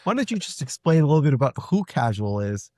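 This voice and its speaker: A man's voice: mid-range voice, fast talker, dry recording, clean studio sound. A man hosting a podcast, chatting enthusiastically with his guest and acting out quotes. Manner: enthusiastic, animated, acts out quotes. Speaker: podcast host. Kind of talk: casual interview.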